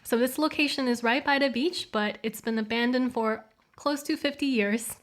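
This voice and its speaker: Higher-voiced woman interview guest. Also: normal speed. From Taiwan, raised in Canada. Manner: easygoing, laughs often. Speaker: guest, yoga studio founder. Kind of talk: interview conversation.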